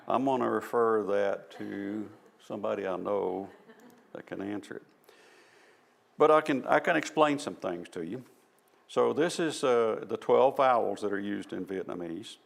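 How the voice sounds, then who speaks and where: A man with a Southern US accent talks a church group through a topic in an informal, folksy way. His voice sits low and carries a heavy gravelly fry, and he explains step by step with a self-deprecating touch. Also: normal speed. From American South. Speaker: presenter at a church. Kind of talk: informal presentation on language. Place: church hall.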